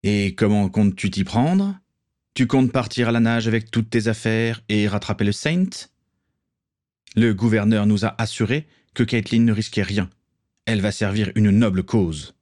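A man's voice: fairly low pitch, moderate pace, darkish tone, no echo, studio quality, natural voice. A man reading aloud, voicing a stern aristocratic father who questions his son reproachfully, in a storybook reading.

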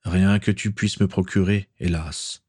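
A man's voice: fairly even intonation, a little slow, a little mellow, breathy edge, no room sound, studio quality. A man voicing a gloomy older father who answers curtly in a storybook reading. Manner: low muttering, curt.

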